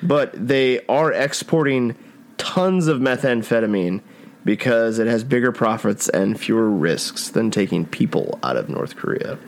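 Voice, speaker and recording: Brief: male podcast co-host, dry jokey delivery, lively pitch. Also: unhurried. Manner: dry, joking, reads out his own headlines. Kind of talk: casual chat.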